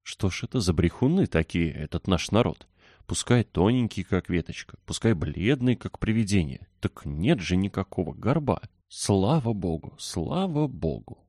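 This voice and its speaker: A man voicing a gruff old male gardener in a storybook reading, hoarse and wheezing. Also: sits low, big pitch swings, normal speed, darkish tone, no room sound, clean studio sound, exaggerated voice. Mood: tearful relief. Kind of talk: audiobook character voice.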